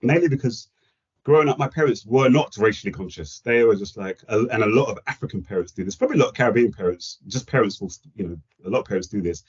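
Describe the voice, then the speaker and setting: A man's voice: fairly low pitch, fast, breathy edge. A man in his forties from Kenya with a London accent, chatting reflectively as a podcast guest. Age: 40s. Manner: reflective, chatty, self-deprecating. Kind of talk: casual chat. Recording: dull lo-fi audio.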